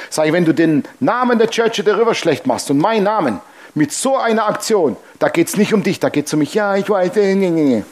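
Man, pastor, sermon, blunt, colloquial, lively storyteller, slightly high voice. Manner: animated storytelling, acting out dialogue with shifting pitch.

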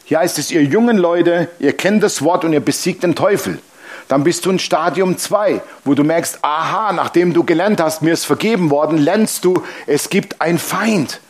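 Ein älterer Mann, der als Pastor lebhaft und humorvoll predigt und dabei Bibelverse vorliest. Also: male voice, a little high, moderate pace. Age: older. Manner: lively, humorous preaching with Bible reading aloud. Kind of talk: sermon.

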